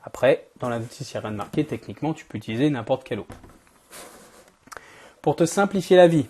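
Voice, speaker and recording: A man hosting a product review, talking informally and directly to the viewer in a strained, worn-out voice that is giving out, hoarse from a cold. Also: medium pitch, animated, quick pace, warm tone, slight background noise. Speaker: host of an event-equipment channel.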